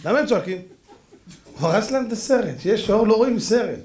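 A rabbi delivers a sermon in a high voice whose pitch leaps around. He tells stories with animated energy and acts out the characters in them. The recording carries the echo of a roomy hall. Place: lecture hall. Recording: echoey hall.

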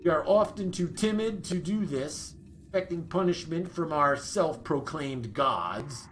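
A man's voice: a little high, unhurried, faint music behind, close to an everyday voice. A man reading aloud the lines of a proud, teasing nymph from a fantasy game, barely changing his own voice. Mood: dreamy. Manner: reads her lines aloud in a near-plain voice.

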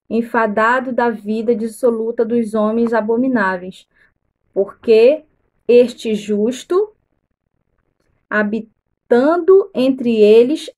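Reading the Bible aloud in a live stream, a woman missionary takes her time and speaks with care, breaking off to say which verses listeners should mark. Her voice is mellow and a little high.

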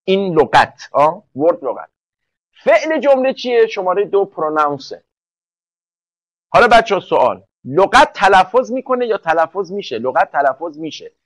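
High-voiced man teaching grammar in a dry room. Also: big pitch swings, fairly bright tone, no room sound, poor audio. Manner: drills students with quick questions, often answers them himself; slows right down to spell out English sentences. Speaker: English teacher. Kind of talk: online class lecture.

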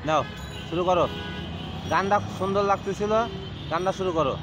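A man's voice: sits high, normal speed, over music. A man with a Bangladeshi accent hosting a casual street vlog, talking in an informal, repetitive, coaxing way. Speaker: video host. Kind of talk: casual street vlog talk, addressing viewers and a young boy. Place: outdoors on a busy city roadside. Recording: noisy outdoor street with traffic. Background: traffic, vehicles, city ambience.

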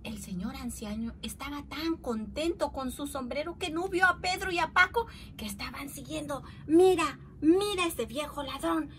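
A woman teacher reading a children's story aloud with expressive, dramatic narration. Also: sits high, moderate pace, hardly any pauses. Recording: steady background noise.

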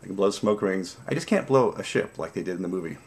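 A man in his forties chatting casually to camera in a savoring way, pausing between puffs on a pipe. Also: low voice, expressive, darkish tone. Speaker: pipe-smoking vlogger. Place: small dim room at home, indoors.

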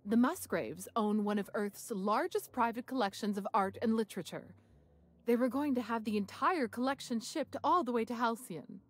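A sly, discreet woman who runs a secret venue in a game, voiced by an actress. She talks in a coy, conspiratorial way with a dry smugness, and her voice sits a little high. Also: moderate pace, close to an everyday voice. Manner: coy, conspiratorial, dryly smug. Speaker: game character, gallery receptionist.

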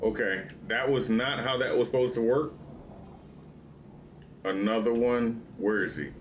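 Seated in a room at home, a middle-aged American man streams video games, giving casual, exasperated commentary and poking fun at himself as he talks both to himself and to viewers. His voice is medium-pitched and unhurried, with slight background noise.

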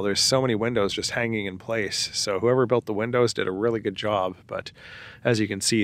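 A man giving casual, conversational walking commentary as a travel vlogger, outdoors among ruins. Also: lowish voice. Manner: chatty and conversational, with filler like "you know" and "like".

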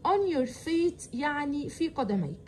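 A woman with an Egyptian Arabic accent teaching English vocabulary to children, saying each word slowly and repeating it for drilling. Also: sits high, very animated, dark tone, a little hiss or hum. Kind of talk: vocabulary lesson.

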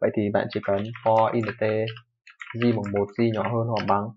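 Over a screen recording, a young man runs through a programming tutorial at a fast, informal clip, frequently asking "đúng không" and fixing his own slips. His lowish voice stays level. The lo-fi mic sounds dull, with slight background noise.

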